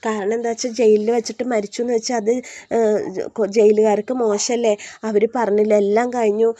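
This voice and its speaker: A woman voicing a scheming middle-aged uncle who talks calmly and persuasively. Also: fairly high pitch, a little fast, no echo, dull audio, lightly acted.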